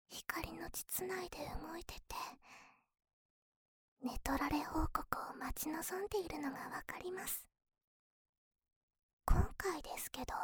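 A woman playing a young, devoted magical-girl little sister in an intimate whispered role-play, speaking right in the listener's ear. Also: high voice. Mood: intimate, confiding.

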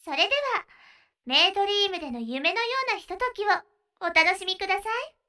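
A woman voicing a sweet, attentive young maid in an ASMR roleplay, speaking with polite honorifics and gently guiding her master. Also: very high voice, animated, fairly quick, full character voice. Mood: cheerful, welcoming. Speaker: maid café maid.

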